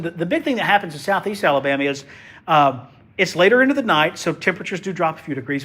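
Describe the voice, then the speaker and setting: A man's slightly high, husky voice carries a fairly bright tone. He's a TV weather forecaster with a head cold, sniffling as he chats in a folksy, joking way during casual livestream weather talk.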